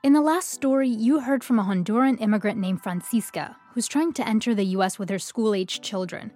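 A woman co-hosting a podcast, narrating the story in a measured, scripted way. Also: medium pitch, warm tone, soft background music. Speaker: podcast co-host.

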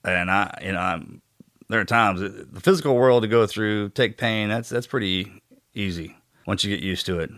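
A man speaking an earnest, halting tribute to a friend. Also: fairly low pitch, a bit bright, no room sound, studio quality. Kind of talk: casual tribute.

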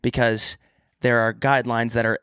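Casual male co-host, medium pitch, th pronounced as f, self-deprecating humor, dry sound. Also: little pitch movement, normal speed, a bit bright, clean tone, no echo. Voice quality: says th sounds as f. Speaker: podcast co-host. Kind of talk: casual comedic chat.

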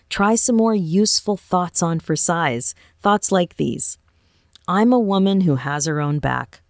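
A woman's voice: lowish voice, no room sound, clean studio sound. A woman hosting a motivational podcast as a life coach, talking in an earnest, encouraging way and often asking rhetorical questions.

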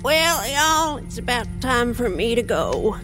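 A man voicing an eerie old grandmother with a slow drawl. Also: very high-pitched, sing-song, music in the background, voice pushed up, heavily acted. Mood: folksy. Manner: slow drawling Southern speech.

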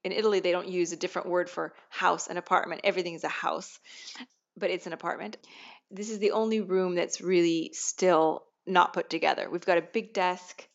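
Echoey, muffled, lower-pitched woman podcaster. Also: creaky. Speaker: podcast co-host. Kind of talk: casual conversational podcast talk. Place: echoey half-furnished study at home. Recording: echoey room, dull muffled sound.

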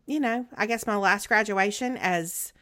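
A middle-aged woman with a Southern US accent chatting casually as a podcast co-host, in a rambling, halting way. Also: medium pitch, fairly bright tone. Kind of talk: casual chat.

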